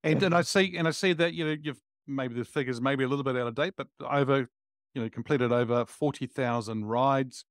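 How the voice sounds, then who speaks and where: A man's voice: medium pitch, a little fast, no room sound, clean studio sound. A man hosting a podcast interview, upbeat and full of praise as he questions his guest. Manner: enthusiastic, frequent praise words. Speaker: podcast host.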